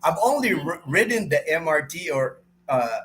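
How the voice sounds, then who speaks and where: Hosting a live stream, this middle-aged man from the Philippines, who lived in Manila until he was twelve, talks informally with his viewers and tends to say things more than once. His voice sits a little high and sounds a bit bright and very animated, moving at a moderate pace.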